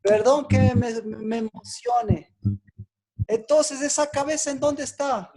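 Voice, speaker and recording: Speaking slowly in a high voice, a woman preacher runs an interactive Bible lesson. She asks her listeners questions more than once and becomes excited when they respond.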